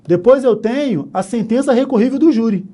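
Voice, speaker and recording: A man with a Brazilian Portuguese accent teaches an exam-prep law lesson, taking each answer option in turn. His voice is dark and mellow. He keeps checking in with quick "né?" and "tá?" tags as he explains. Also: very high-pitched. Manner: explains step by step, often asking "né?", "ok?", "tá?". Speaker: law instructor. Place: online course studio.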